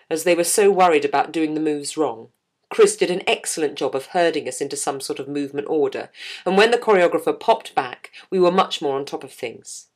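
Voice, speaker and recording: A woman, a choir singer, reading a wry, measured account of rehearsals for a concert. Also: low voice. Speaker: choir singer telling a story. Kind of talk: scripted narration.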